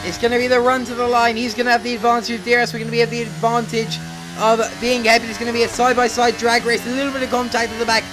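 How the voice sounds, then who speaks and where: A man's voice: very high-pitched, level tone, rapid-fire, noisy background. A young man gives breathless, urgent play-by-play of his own racing game as a gaming YouTuber. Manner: breathless, urgent, narrating each move as it happens. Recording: game music playing clearly behind the voice. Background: game music under the voice.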